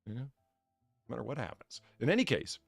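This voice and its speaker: A man's voice: mid-range voice, sing-song, normal speed, gravelly, slightly rough, no echo, studio quality, soft background music. A man hosting a casual livestream podcast, reading out donations and rambling profanely between topics.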